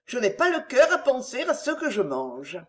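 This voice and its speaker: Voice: medium pitch, wildly swooping pitch, moderate pace, pitched above the performer's own voice. A reader voicing an anxious young noblewoman who pleads earnestly in an audiobook. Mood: pleading. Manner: pleading, urgent.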